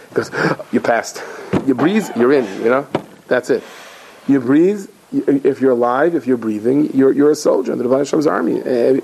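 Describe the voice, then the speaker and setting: Gravelly man telling a storytelling sermon. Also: mid-range voice, poor audio. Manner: animated, acts out characters in stories, frequent Yiddish and Hebrew terms. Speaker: rabbi giving a talk.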